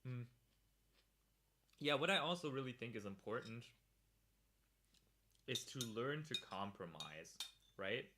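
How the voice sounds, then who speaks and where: A man's voice: medium pitch, expressive, a little slow, long pauses, noisy background. A man hosting a livestream podcast, chatting casually, laughing often and reacting to viewers in chat.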